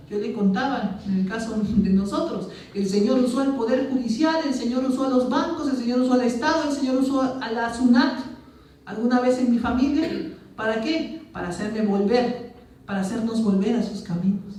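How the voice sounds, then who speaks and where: A man preaching a sermon as pastor, asking his congregation rhetorical questions and moving between loud readings and hushed asides. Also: very high voice. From Peru. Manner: emphatic, asks the congregation many rhetorical questions. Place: church sanctuary. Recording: very echoey church, voice far from mic.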